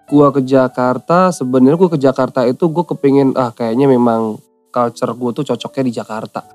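Medium-pitched with a darkish tone and fairly even intonation, the Central Javanese storyteller speaks a bit fast against faint background music. He keeps his podcast chat casual and slangy, performing the voices of people he quotes.

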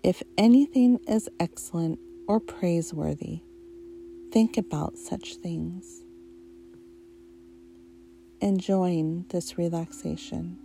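A woman guiding a relaxation meditation in a soft, soothing, hypnotist-like voice, leaving long pauses between short phrases. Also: lowish voice, creaky, a little hiss or hum. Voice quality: soft, mellow. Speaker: guided meditation narrator.

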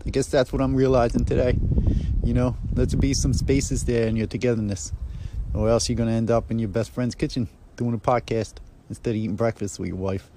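A man's voice: medium pitch, steady tone, brisk, dark tone, a little hiss or hum, lightly acted. A man playing a down-on-his-luck married guy giving a folksy, rambling podcast update full of homespun sayings. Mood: folksy upbeat. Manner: folksy, homespun sayings, keeps tagging "there". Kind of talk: casual phone podcast monologue.

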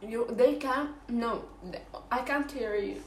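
Slow-talking young woman vlogger. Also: on the high side, roomy sound, a little hiss or hum. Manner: chatty, full of fillers and restarts. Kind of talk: casual chat while eating.

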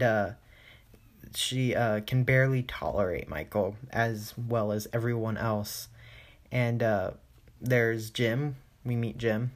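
A man hosts a podcast and recaps an episode in a relaxed, chatty way. His talk wanders and is dotted with "uh" fillers. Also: mid-range voice. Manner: chatty, loose, with frequent "uh" fillers. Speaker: podcast host.

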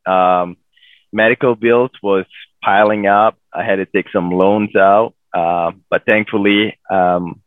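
A man from Malaysia, a podcast guest, telling his story in a relaxed way with many fillers. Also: fairly low pitch, slow pace, no room sound. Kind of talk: casual interview storytelling. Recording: dry tinny phone-like line.

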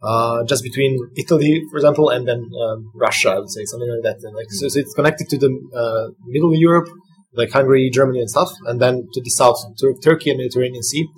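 A young man with a Serbian accent speaks as a guest in conversation. His voice is medium in pitch and noticeably husky. He explains things in hesitant, pieced-together phrases. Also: fast talker, rough recording. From Belgrade, Serbia. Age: young adult. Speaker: podcast guest, graduate student.

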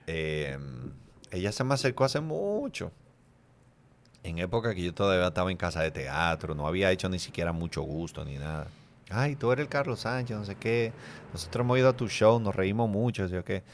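Un comediante invitado a un podcast que cuenta anécdotas de forma relajada y con humor sobre sí mismo. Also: male voice, sits low, fairly quick, slight background noise. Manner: relaxed storytelling, self-deprecating. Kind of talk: casual chat.

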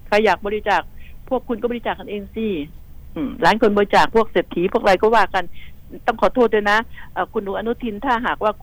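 In a radio studio, a woman with a medium-pitched voice gives outspoken, indignant news commentary, rambling and repeating herself as she addresses listeners. She speaks briskly, and the recording is dry and rough.

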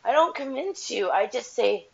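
Fairly high-pitched and a bit creaky, this podcast host speaks animatedly at a moderate pace. Doing dishes during her casual solo show, she's frank, blunt and profane. The headset mic sounds like a tin can, dull and metallic, with faint clatter from the dishes.

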